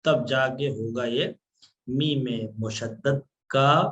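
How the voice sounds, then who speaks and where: A man's voice: medium pitch, takes it slowly, fairly bright tone, lo-fi sound. A man teaching an online class on Quran recitation, patiently explaining rules step by step and drawing out sounds to demonstrate.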